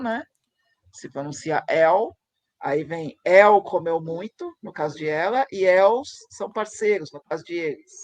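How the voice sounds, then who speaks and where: A man's voice: high voice, no echo. A man hosting a casual online chat over a video call, upbeat as he reads text aloud and comments on it. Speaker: host.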